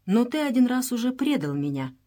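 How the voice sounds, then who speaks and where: A woman doing a wary suspicious gentleman. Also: on the high side, big pitch swings, fairly quick, voice pushed up. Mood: reproachful. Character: wary European gentleman, suspicious but controlled.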